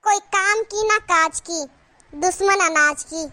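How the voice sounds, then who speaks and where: A woman's voice: very high voice, takes it slowly, sharp tone, full character voice. A woman voicing a nagging cartoon mother-in-law. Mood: scolding. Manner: nagging, taunting. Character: scolding middle-aged village mother-in-law. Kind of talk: cartoon voice acting.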